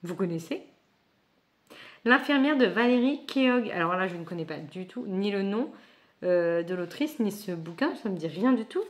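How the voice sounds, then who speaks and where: A woman's voice: medium pitch, lively intonation, normal speed. A woman vlogging casually as she unboxes a book subscription box, chatty and thinking aloud with frequent asides.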